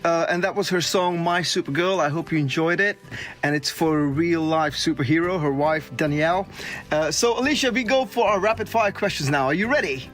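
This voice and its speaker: A man hosting a radio show who fires off quick, upbeat interview questions at his guest. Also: a little high, fairly bright tone, soft background music. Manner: brisk rapid-fire questions, upbeat. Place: radio studio.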